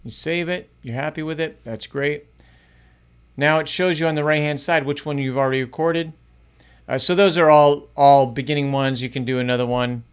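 A middle-aged youth ministry podcast host, recorded on a close front studio mic in a small home studio, talks through a casual tutorial vlog. His voice is a little high, steady, and clean at a moderate pace, and he comes across upbeat and chatty, shifting his pace.

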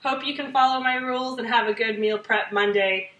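Speaking a little fast with a steady, slightly bright tone, this American woman in her thirties has a voice that runs a little high. As a fitness gym trainer hosting a meal prep series, she does an informal, chatty cooking demo to camera at home. The audio is dull and echoey, captured by a camera mic several feet off in her kitchen.

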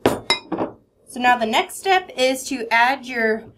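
A woman's voice: on the high side, lively intonation, takes it slowly, heavy background noise. A young woman gives simple instructions during a cooking demonstration in a kitchen. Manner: simple instructions while working. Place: home-style kitchen.

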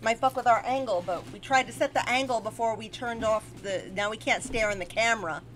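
A woman co-hosting a podcast at home, chatting casually with a friend, loud, teasing and swearing. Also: a little high, brisk, a little hiss or hum. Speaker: podcast co-host. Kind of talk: casual chat. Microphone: shared desk mic at home.

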